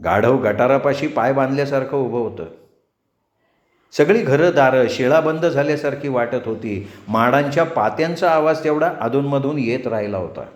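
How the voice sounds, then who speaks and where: A man reading a novel aloud in a measured, expressive storytelling voice. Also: mid-range voice. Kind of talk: storybook narration. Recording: roomy echo.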